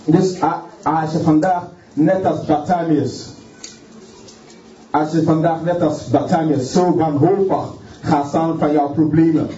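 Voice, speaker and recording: A man preaching in a church hall, fervent and halting, stumbling over repeated words and dropping in hallelujahs. His voice is raised yet dark and mellow. He is heard from a distance in a roomy space, with a dull, muffled sound. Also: a little high, fairly even intonation. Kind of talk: sermon.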